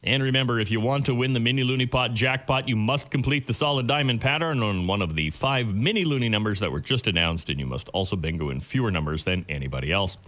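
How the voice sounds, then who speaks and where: A man working as a radio bingo caller, announcing the game and numbers clearly and repeating key details. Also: mid-range voice, quick pace, hardly any pauses, fairly bright tone.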